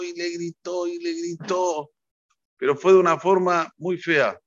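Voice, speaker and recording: A man's voice: on the high side, fairly bright tone. A man giving a religious talk as a rabbi, earnest and instructive, telling stories and repeating phrases for emphasis. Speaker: rabbi teaching a class. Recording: dull lo-fi recording.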